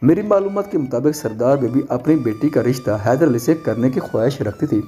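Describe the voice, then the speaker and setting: Mellow-voiced man narrating a story. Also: medium pitch, expressive, faint music behind. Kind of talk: scripted first-person narration.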